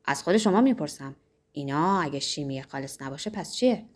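A woman's voice: low voice, lively intonation, voice pushed down. A woman voicing a pompous middle-aged male pharmacist who lectures at length, in a storybook reading. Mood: lecturing.

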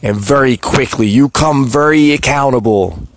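A man's voice: medium pitch, normal speed, no room sound. A man hosting a podcast, delivering a reflective motivational monologue with frequent rhetorical asides. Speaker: podcast host.

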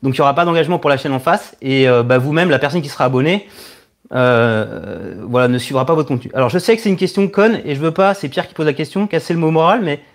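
A man in his thirties with a higher pitch chats live with viewers, answering their questions on his stream as an online video creator. His manner is hesitant and halting, with repeated words as he thinks.

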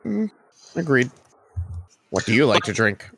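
A man's voice: medium pitch, sing-song, unhurried, creaky, sharp tone, slight background noise. A man playing a tabletop game, improvising in character in a casual, wry, informal way. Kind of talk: casual improvised role-play.

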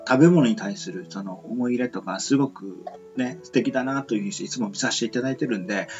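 Hosting a casual radio talk show, a man with a mid-range, darkish voice talks quickly in a polite, rambling, hesitant manner. The talk is a relaxed interview and sign-off chat, heard through a muffled lo-fi recording with faint music behind it.

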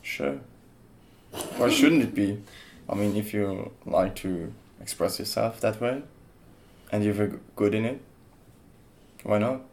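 Gravelly-voiced podcast guest with blunt opinions. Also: low-pitched, unhurried, long pauses, darkish tone, a little hiss or hum. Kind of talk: casual podcast chat.

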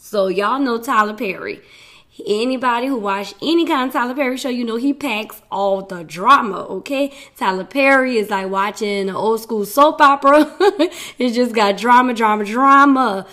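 On her own podcast, a woman chats and rambles in a casual solo format, laughing often even as her voice gives out. Her pitch is fairly high, her speed normal, and her delivery pushed and bright.

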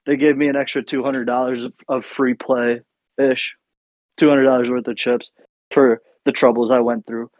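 A man's voice: medium pitch, little pitch movement, moderate pace, a little mellow, no echo, rough recording. Cocky man telling a casual story. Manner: rambling, profane, cocky storyteller. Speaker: podcast co-host.

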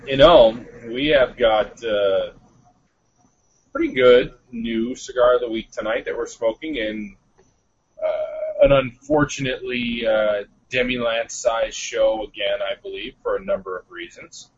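A man co-hosting a casual show over a telephone line, so muffled that he sounds like he is inside a barrel. He talks in an animated, stumbling way and exclaims "good gracious". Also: mid-range voice, unhurried, slightly rough. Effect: muffled phone line that sounds like he is inside a barrel. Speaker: podcast co-host. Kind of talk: casual chat.

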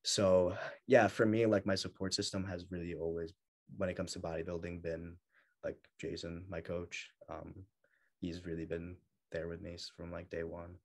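A young man chatting in an interview, telling stories in a lively way and laughing often. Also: low voice, moderate pace. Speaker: guest bodybuilder. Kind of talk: casual interview chat.

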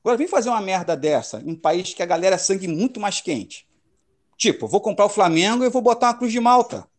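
Emphatic Brazilian man, lively high voice. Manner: emphatic, opinionated, slangy. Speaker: podcast host. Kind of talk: casual football chat.

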